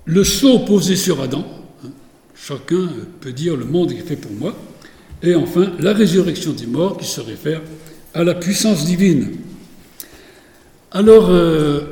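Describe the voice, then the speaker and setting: Man lecturing, high voice, fillers and restarts, echoey hall with long reverb. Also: mellow. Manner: digressive, many fillers and restarts.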